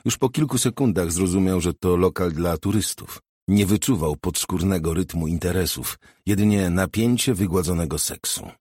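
Deep raspy guy reading an audiobook, steady and measured, very dry sound. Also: no echo. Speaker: audiobook narrator. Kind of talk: scripted narration.

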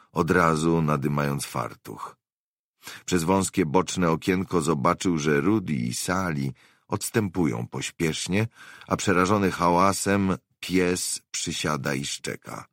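A man reading an audiobook in a measured, expressive storytelling manner. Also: sits low, dry recording, studio quality. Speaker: audiobook narrator. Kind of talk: scripted narration.

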